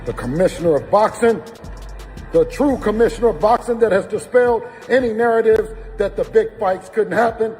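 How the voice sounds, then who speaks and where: A man talking up an upcoming fight with animated energy. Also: sits high, brisk, in a large hall, faint music behind. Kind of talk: animated hype talk.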